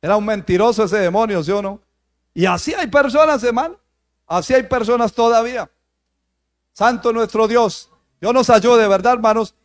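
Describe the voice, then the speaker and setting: High-voiced pastor preaching. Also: male voice, moderate pace. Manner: preaching with rising emphasis, repeating "hermano". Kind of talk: sermon.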